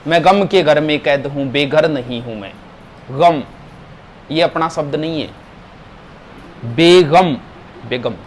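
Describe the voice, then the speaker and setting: Male teacher, classroom lesson, fairly high voice, faint room noise. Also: slow pace, long pauses. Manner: asks the class questions, stresses words.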